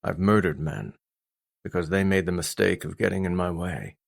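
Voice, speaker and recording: This is a grim confession from an audiobook, where a man voices a middle-aged father who is stern and intimidating. He speaks gravely and deliberately, holding back, with gruff love underneath, in a deep, low, heavy voice.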